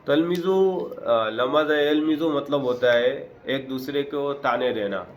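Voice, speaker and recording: A man's voice: medium pitch, slight background noise. A man teaching a Quran lesson, reciting short phrases in Arabic and then explaining each one in plain, conversational words with earnest, repetitive emphasis.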